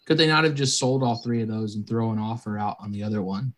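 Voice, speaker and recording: A man co-hosting a casual podcast chat, adding dry, quick remarks. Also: on the low side. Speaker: podcast co-host.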